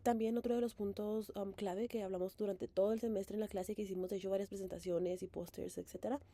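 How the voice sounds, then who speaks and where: A woman's voice: mid-range voice, fairly even intonation, fast, dark tone. A young woman with a mid-range voice recaps a course in a student presentation. She talks with plenty of fillers and restarts, and often checks in with a questioning "right?". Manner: hesitant, many fillers and self-corrections. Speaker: bilingual education student presenting.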